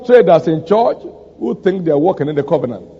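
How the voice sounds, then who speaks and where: A man's voice: fairly high pitch, expressive, a little fast, dark tone, slightly rough, faint music behind. A man, preaching and praying aloud as a pastor, with fervent declarations and repeated phrases. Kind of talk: sermon and prayer. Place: large church hall. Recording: dull sound with long hall reverb.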